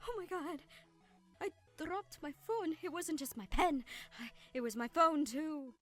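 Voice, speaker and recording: A woman's voice: high voice, a little slow, faint music behind. A woman voice actor chatting casually between recording takes, giggling often at her own mistakes. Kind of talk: casual recording-session outtakes.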